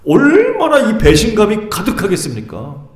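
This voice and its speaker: A middle-aged man preaching a sermon as pastor, animated and putting questions to the congregation. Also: high voice, normal speed, roomy sound. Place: church sanctuary.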